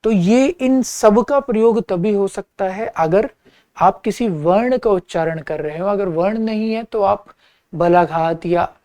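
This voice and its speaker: A man's voice: sits high, a little slow, warm tone, no echo. A man teaching an exam-prep lecture, patiently repeating key terms and checking in with his listeners.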